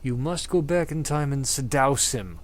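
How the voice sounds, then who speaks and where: Speaking at normal speed with medium pitch and lively intonation, this amateur reader gives a mock-dramatic performance of fan fiction. He hams it up theatrically and keeps dissolving into giggles.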